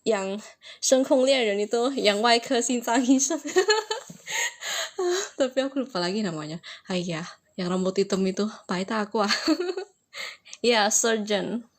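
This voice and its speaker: Young woman, Mandarin tutor, casual chatty live lesson, slows for example phrases. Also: medium pitch, lively intonation.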